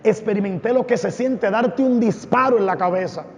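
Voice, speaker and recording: A man's voice: high voice, normal speed, a little mellow, a little hiss or hum. A man giving a fervent, dramatic testimony from a church stage. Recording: echoey hall, dull lo-fi sound.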